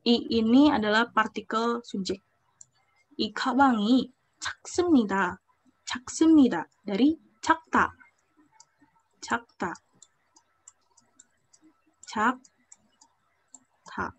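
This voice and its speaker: Young woman, language teacher, bright raised voice, patient step-by-step explaining, checks on students, video call. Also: a little high, slow, long pauses. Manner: explains step by step, checks on students, mixes in Korean example phrases. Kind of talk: online class lesson.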